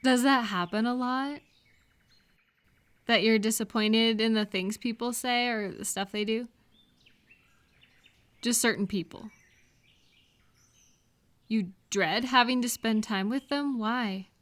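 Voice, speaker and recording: In a scripted, one-sided roleplay addressed to the listener, an actress voices a caring friend, speaking a little high and without hurry. She sounds gentle, cheerful and concerned, asking attentive questions and pausing to leave room for the answers.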